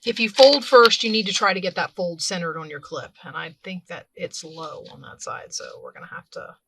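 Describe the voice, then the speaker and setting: A woman's voice: on the low side, moderate pace, background noise. A woman hosting a casual hands-on craft tutorial, chatting as she works and often correcting herself mid-sentence. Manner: chatty, talks while working, self-correcting. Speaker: craft video host.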